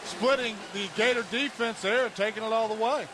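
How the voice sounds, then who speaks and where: A man gives color commentary on a football broadcast, in a high-pitched voice. He breaks down plays from the home team's side. Stadium noise is clearly audible behind him. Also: fairly even intonation, moderate pace. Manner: partisan, speaking as one of the home side. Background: stadium ambience.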